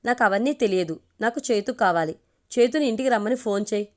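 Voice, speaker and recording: A young husband begs and pleads in a boyish, sulky way, voiced by a woman reading a storybook aloud. His voice sits at an ordinary middle pitch, close to the reader's own. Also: fast, darkish tone, natural voice. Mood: pleading.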